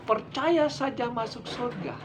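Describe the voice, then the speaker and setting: A middle-aged man preaching a sermon with emphatic delivery, pitch climbing high for stress and then dropping low and quiet. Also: measured pace. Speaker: evangelist preacher. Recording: slightly dull lo-fi recording with faint noise.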